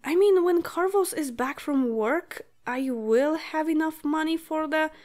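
A woman in her late twenties, Polish by birth, talks through a game in English as a relaxed let's-play host. Her voice sits somewhat high and she speaks at an unhurried pace. She thinks aloud in a chatty way and giggles often. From Poland. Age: late 20s. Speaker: gaming channel host.

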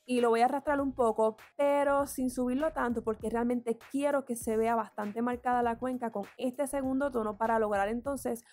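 Woman beauty vlogger, fairly high voice, candid step-by-step chat. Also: fairly even intonation, moderate pace, few pauses, darkish tone. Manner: candid, chatty, explains each step. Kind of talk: get-ready-with-me makeup tutorial chat.

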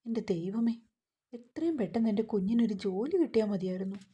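A doting old grandmother fretting aloud, voiced by a woman narrator. Dark, mellow tone with husky breath. Storybook reading. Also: medium pitch, animated, fairly quick, lo-fi sound. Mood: fretful. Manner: fretful. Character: elderly grandmother, fretful and doting.

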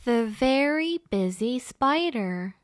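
A woman teaching English reading at a very slow, deliberate pace. Her voice sits a little high. She repeats every word twice with clear, exaggerated expression for learners to copy, and the sound is close and dry. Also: lively intonation, dry recording. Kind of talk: slow read-aloud drill for repeat-after-me practice.

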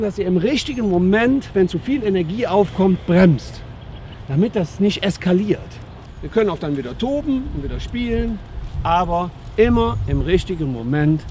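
Animated high-pitched German man outdoors. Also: normal speed, slight background noise. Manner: lively, talks to the dogs and viewers, often adds "ne?". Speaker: dog trainer. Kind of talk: casual commentary while filming dogs. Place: outdoors at a dog area.

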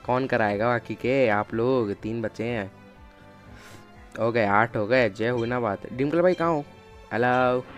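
A man streaming a mobile game live, chatting with viewers and calling out to teammates, with bursts of excited shouting. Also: mid-range voice. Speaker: gaming streamer. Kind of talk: casual live game commentary.

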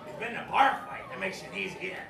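A man playing a gruff, rowdy pirate deckhand on stage, blustering at the audience in a live show. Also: high voice, fast, a crowd in the background, background noise. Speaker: stage actor. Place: indoor theatre, live audience. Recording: echoey hall from far off with audience.

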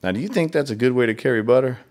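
Reading a children's storybook aloud with plenty of expression, this man speaks very fast in a medium-pitched, animated, slightly mellow voice. He breaks off now and then for conversational asides to his young listeners.

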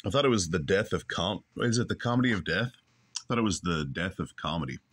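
A man commenting on a played-back stream, calmly cutting in to rebut what was said. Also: sits low, slight background noise. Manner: measured, skeptical, cuts in to rebut. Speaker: commentator reacting to a clip. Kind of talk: dry reaction commentary.

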